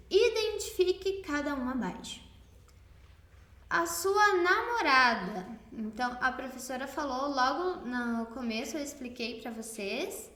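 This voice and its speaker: Brazilian woman teacher, high and animated, drawing out syllables for young pupils; echoey room. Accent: Brazilian Portuguese. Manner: slow, emphatic, stresses syllables clearly. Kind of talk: recorded class lesson for children.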